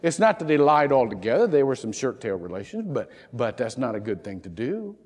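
Preaching as a pastor, this man tells folksy, joking stories and briefly acts out the voices of the people in them. His mid-range voice is sing-song and fairly quick, a little mellow and slightly rough, with a long reverb tail.

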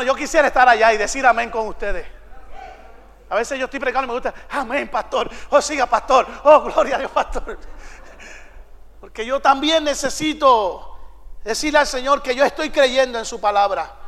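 A man preaching a sermon as a pastor to his congregation in a church, building to emphatic shouted declarations and bantering playfully with the listeners. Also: very high-pitched. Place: church sanctuary. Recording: long hall reverb.

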